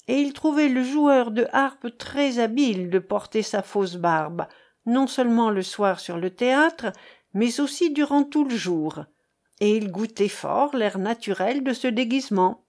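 A playful young actress spins a mocking little joke with a light, amused manner, as a woman reads her aloud. Her voice stays close to the reader's own, higher than most women. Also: expressive, unhurried, darkish tone. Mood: teasing. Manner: teasing, mocking.

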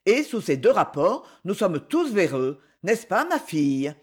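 A man's voice: sits high, unhurried, husky, full character voice. A man voicing a mischievous, jovial old general in an audiobook. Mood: gleeful. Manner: lively, jovial, laughing delivery.

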